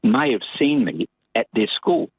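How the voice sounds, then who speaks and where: An older man from New Zealand, a puppet maker interviewed over the phone, telling his story in an animated, rambling way. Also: medium pitch, measured pace, dry recording. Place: home in rural Queensland, Australia, on a phone line. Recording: tinny dry phone line.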